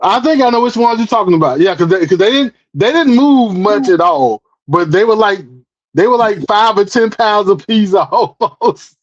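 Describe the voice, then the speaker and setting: A man in his forties talks casually as a guest, easygoing and quick to chuckle. His voice is notably high. The sound is dry and dull, like lo-fi call audio. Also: animated, no echo. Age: 40s. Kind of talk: casual chat.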